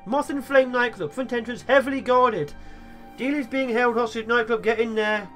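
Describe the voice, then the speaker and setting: A man's voice: extremely high pitch, normal speed, faint music behind. A man giving playful, theatrical gameplay commentary as a gaming video host. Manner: excitable, theatrical.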